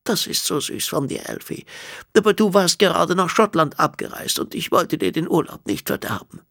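A man's voice: sing-song, moderate pace, vocal fry, a bit bright, no echo, studio quality, full character voice. A man putting on a frail, tearful old woman. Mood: gentle. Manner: sad, sniffling, breaking into high tones. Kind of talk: audiobook character voice.

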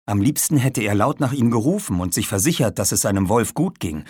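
Husky male storyteller, lively. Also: fairly low pitch, a little fast, no room sound, studio quality. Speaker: narrator. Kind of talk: audiobook narration.

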